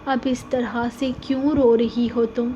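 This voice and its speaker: Figure: affectionate young husband read by a woman. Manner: soft, gently coaxing. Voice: high and light. Style: audiobook novel reading. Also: level tone, lo-fi sound, a little hiss or hum, natural voice.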